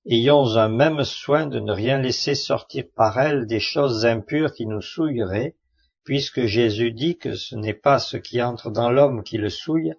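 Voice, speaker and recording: A man reads devotional commentary on scripture in a measured, earnest voice. His pitch sits in the middle range. The recording is a little dull and lo-fi. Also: gravelly, husky. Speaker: Bible study reader. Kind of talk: devotional commentary read aloud. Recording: muffled lo-fi recording.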